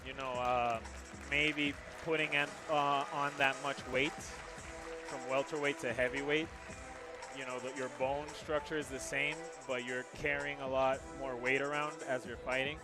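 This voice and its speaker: Guy calling an mma fight, mid pitched voice, repeats stuff for emphasis, music playing behind him. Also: flat delivery, a little slow. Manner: repeats words and phrases for emphasis. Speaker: fight commentator. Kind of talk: MMA commentary.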